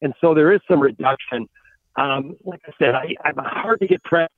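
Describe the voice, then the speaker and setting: Guy on a glitchy buzzy phone call, kinda high voice, tinny and dry, keeps repeating words. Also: dry recording. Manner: halting, with frequent repeated words. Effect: buzzy, glitchy phone call audio that breaks up. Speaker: farm market analyst guest. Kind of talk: call-in radio interview.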